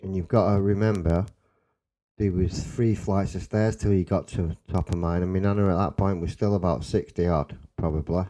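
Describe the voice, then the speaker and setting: A young man with a Salford accent telling a personal story in a rambling, excitable way, swearing and restarting often. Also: low voice, normal speed, rough recording. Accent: Salford English. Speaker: storyteller guest.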